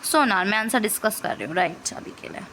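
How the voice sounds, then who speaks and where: A woman teacher explaining a science lesson, mixing Hindi and English and slowly dictating answers. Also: medium pitch, lively intonation, sharp tone, slight background noise.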